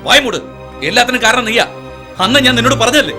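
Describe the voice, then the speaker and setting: A man's voice: very high-pitched, quick pace, music in the background. An arrogant, scornful police commissioner father. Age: middle-aged. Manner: harsh, taunting, contemptuous. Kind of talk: dubbed film acting.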